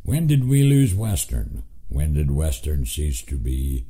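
A man with a reciting poetry in a folksy, halting storyteller's way. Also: extremely low pitch, big pitch swings, mellow, husky. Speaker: cowboy poetry narrator.

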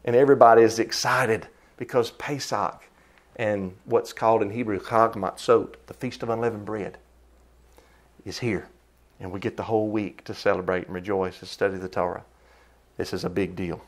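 Male preacher with a slightly low voice, delivering an emphatic sermon with sharp swells for emphasis. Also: steady tone, normal speed. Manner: emphatic preaching with sudden rises in pitch and loudness.

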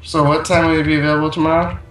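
A man's voice: a little high, flat delivery, very fast, distant mic, over music. A young man joking around and groaning dramatically in casual chat while playing a game. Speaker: gamer. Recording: echoey room mic from afar, faint hiss.

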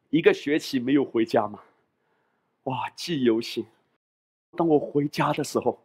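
A man pastor preaching a sermon in a lively, conversational way, acting out little voices and asides along the way. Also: a little high, husky.

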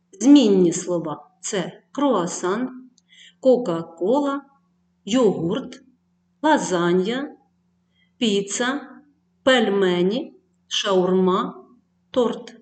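Woman, teacher, school lesson, slow pace, clear word-by-word reading, talks to pupils. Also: medium pitch, a little mellow. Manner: addresses pupils directly with tasks and instructions. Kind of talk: distance-learning lesson for schoolchildren.

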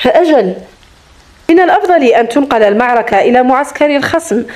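A woman's voice: high voice, animated, fast talker, a little mellow. A woman narrating a romance novel aloud, reading both lovers' lines in her own voice and rising for the heroine's anger. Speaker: audiobook narrator.

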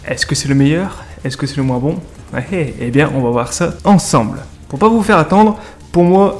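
A gaming video creator in his 30s reviews a game for viewers in a relaxed, slangy style full of asides. His voice is a little high and a little mellow, and music runs under the recording.

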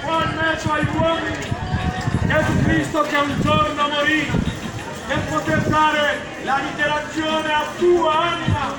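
A man's voice: very high-pitched, completely flat delivery, unhurried, over loud music. A man preaching on the street, imploring passersby to convert. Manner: shouting, imploring. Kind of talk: open-air street preaching. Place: busy outdoor street market. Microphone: camera phone from a distance. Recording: roomy, distant, crowd noise.

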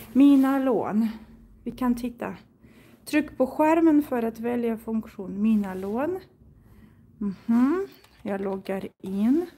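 A woman's voice: fairly high pitch, dark tone, slightly rough. A woman chatting casually to viewers as she browses and borrows books in a library, thinking aloud and reading titles out. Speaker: Swedish teacher and vlogger.

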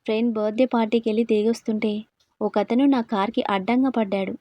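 A woman's voice: a little high, fairly even intonation, quick pace, warm tone, no echo, natural voice. A woman voicing a polite caring young employee. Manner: polite, respectful.

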